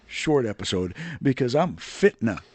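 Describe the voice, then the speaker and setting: A man co-hosting a podcast in casual banter, playful and hyped, tossing in quick quips. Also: mid-range voice, big pitch swings, darkish tone, no room sound. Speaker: podcast co-host.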